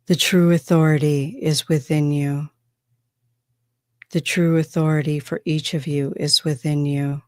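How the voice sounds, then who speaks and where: Lady channeling a calm alien spokesperson, low voice, slow solemn formal way of talking, dry close sound. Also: dry recording. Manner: measured, solemn, formal address. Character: calm extraterrestrial spokesperson from Andromeda. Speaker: trance channeler. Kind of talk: trance channeling.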